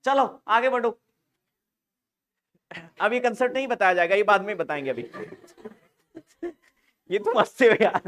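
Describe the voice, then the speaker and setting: Guy teaching nursing pharmacology online, high voice, keeps laughing and ribbing the class. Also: moderate pace, pauses often, slight background noise. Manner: joking, teasing students for laughing; animated, laughs often.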